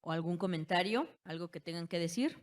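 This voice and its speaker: A woman teacher with a Mexican accent giving an online class, slowly stretching key words and checking in with her students. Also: fairly low pitch. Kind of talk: online class lecture on spelling.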